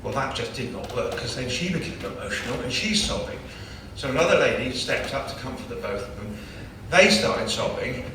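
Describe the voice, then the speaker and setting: A man's voice: mid-range voice, lively intonation, a little fast, hardly any pauses, noisy background. A man, a club chairman, gives a chatty, joking after-dinner award speech. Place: large banquet hall. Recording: echoey hall, distant mic.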